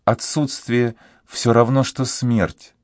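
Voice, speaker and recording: A man's voice: medium pitch, flat delivery, slow, no room sound, clean studio sound, voice pushed up, lightly acted. A man doing a sad young girl, raised voice. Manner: sad, pleading, soft-spoken. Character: sorrowful sixteen-year-old girl in love.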